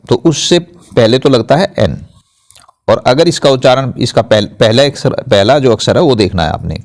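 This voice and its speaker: Slow, low-voiced male grammar teacher. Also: darkish tone. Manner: slow, patient explaining, spelling words letter by letter. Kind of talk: blackboard-style grammar lesson.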